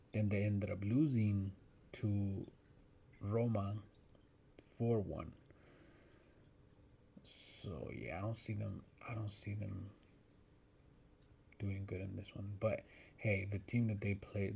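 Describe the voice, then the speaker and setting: A man's voice: lowish voice, gravelly, warm tone, a little hiss or hum. A man giving casual soccer betting predictions, thinking aloud and hesitant, often restarting his sentences. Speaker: sports betting vlogger.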